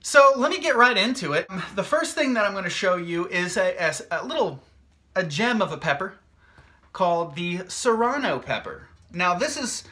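A man's voice: sits high, bright, forceful tone. A man hosting his own hot sauce vlog, chatting casually in an upbeat, jokey, rambling way with plenty of fillers. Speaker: hot sauce maker and video host.

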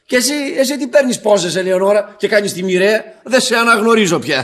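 Sebastian, a drunk, mocking brother. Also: male voice, high voice, animated, a bit bright. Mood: teasing, tipsy. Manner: mocking, theatrical. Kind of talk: radio drama acting. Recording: old radio archive recording.

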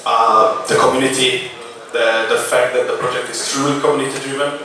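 A man's voice: mid-range voice, fairly even intonation, a little fast, pushed and bright. A man in his thirties giving a casual, hesitant keynote talk on a large auditorium stage, speaking into a handheld mic with many "uh" fillers. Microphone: handheld mic, filmed from far back. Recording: echoey hall, distant camera mic.

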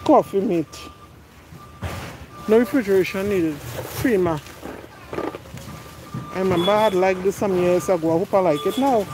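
Indoors at a large warehouse store, a middle-aged woman vlogs on her phone while steering her cart, reading prices out and chatting casually with her audience. Her medium-pitched voice moves at a moderate pace with long pauses, over a noisy background.

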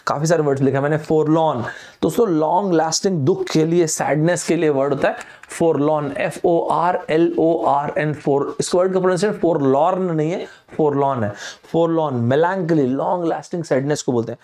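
A man's voice: on the high side, moderate pace, a little mellow. A young man from India teaching vocabulary online, playful, acting out both himself and his students and quoting film lines. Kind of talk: lively Hindi vocabulary lesson.

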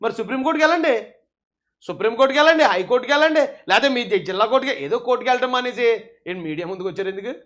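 A man with a very high voice delivers heated political commentary. He mocks and scolds his targets with biting sarcasm, taunting them over and over. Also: animated, rapid-fire, a bit bright.

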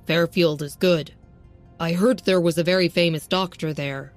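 A woman's voice: fairly low pitch, steady tone, moderate pace, dry recording, faint music behind, close to an everyday voice. A woman voicing a composed, polite young man in a narrated story. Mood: calm.

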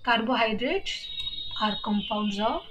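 A woman with a Bengali accent teaching an exam-prep lesson, reading questions out slowly and then explaining the answers briskly. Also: a little high, lively intonation, fairly bright tone, slight background noise, low-quality recording.

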